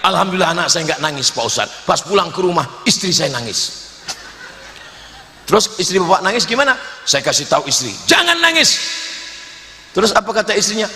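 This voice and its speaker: A man preaching a sermon in an animated, humorous way, acting out the people in his stories. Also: high-pitched, a little fast. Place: large hall with an audience. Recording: echoey hall, long reverb.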